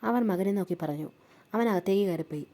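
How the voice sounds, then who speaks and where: A woman narrating a scripted love story at a steady storytelling pace. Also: medium pitch, fairly quick.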